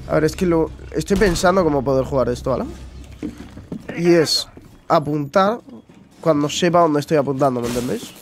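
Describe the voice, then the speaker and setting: A man's voice: on the high side, normal speed, pauses often. A man with a Spain Spanish accent giving casual, chatty gameplay commentary to his viewers, swearing often. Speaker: gaming streamer.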